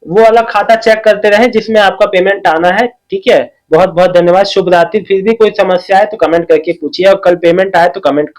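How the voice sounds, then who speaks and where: A man with a high-pitched voice talks in a relaxed, chatty way, answering his viewers' comments one by one. He keeps reassuring them and often checks in with "okay?" as he goes. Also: fairly quick, hardly any pauses, rough recording. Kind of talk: casual talk reading out and replying to comments.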